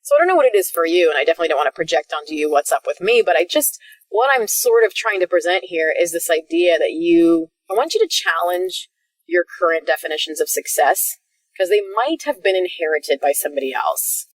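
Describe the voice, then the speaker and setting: A woman's voice: fairly low pitch, sing-song, fairly quick, far from the mic, low-quality recording. A woman in her thirties hosting her own podcast as a life coach, talking casually and animatedly, swearing freely and laughing often. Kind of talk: casual solo podcast monologue.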